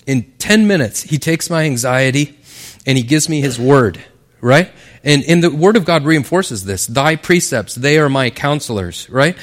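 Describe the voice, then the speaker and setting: Male pastor, mid-pitched voice, earnest conversational sermon delivery. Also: lively intonation, normal speed. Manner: earnest, conversational preaching with frequent "right?".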